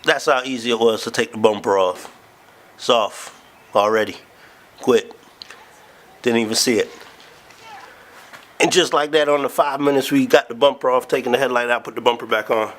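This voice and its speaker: A man with a stuffed-up nose from being sick, hosting a casual do-it-yourself car vlog. He talks in a slow, low-energy way and wings it as he goes. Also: poor audio. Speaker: car channel host.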